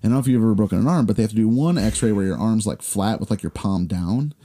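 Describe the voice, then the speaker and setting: A man in his forties, a podcast co-host, telling a long story in casual chat with lots of fillers, acting out the people he quotes in higher voices. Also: fast talker, mellow. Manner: rambling, filler-heavy storytelling.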